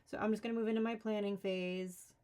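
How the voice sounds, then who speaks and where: A woman's voice: medium pitch, fairly even intonation, fairly quick, darkish tone. A woman streaming a solo board game, casually thinking aloud, counting cards and talking herself through the rules with mildly exasperated asides.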